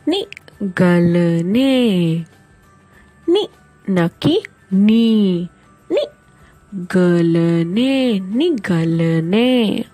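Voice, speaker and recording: A woman teacher giving a slow spelling dictation to young children, repeating each word and breaking it into sounds with patient care. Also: mid-range voice, expressive, dark tone, soft background music.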